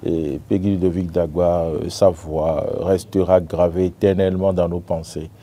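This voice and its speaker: A man hosting a studio tribute talk, calm and affirming, with frequent short murmurs of agreement. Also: low-pitched, normal speed. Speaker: radio host. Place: broadcast studio.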